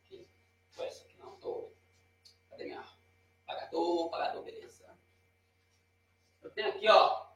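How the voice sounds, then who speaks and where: A man's voice: high voice, steady tone, moderate pace, pauses often, fairly bright tone, recorded from a distance, slight background noise. A man with a Brazilian Portuguese accent giving a chatty, informal lesson at a board, pointing and correcting himself as he explains. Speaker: teacher. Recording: very echoey room, voice off-mic.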